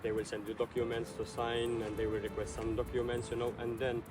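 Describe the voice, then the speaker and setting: A man's voice: mid-range voice, level tone, a little fast, music in the background. A man from Syria, a guest on an interview, explaining visa steps in a friendly, hesitant way with many fillers. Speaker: guest, hotel HR worker. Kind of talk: casual interview. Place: outdoor park.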